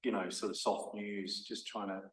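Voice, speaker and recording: A man's voice: fairly low pitch, flat delivery, normal speed. A man in the audience asking a hesitant question, searching for his words. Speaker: audience member. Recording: echoey room, far from the mic.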